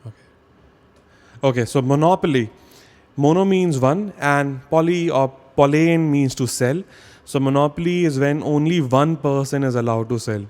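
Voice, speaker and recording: A man's voice: on the high side, moderate pace, darkish tone. Man teaching a spoken vocabulary lesson. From India. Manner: explains step by step, often checks in with "okay?".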